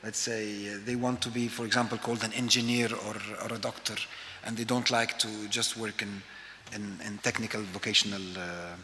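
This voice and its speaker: A man from Egypt giving a conference talk, pausing often with "uh" fillers as he speaks. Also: fairly low pitch, fairly even intonation, pushed and bright, slight background noise. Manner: hesitant, many "uh" fillers. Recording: hall with long reverb.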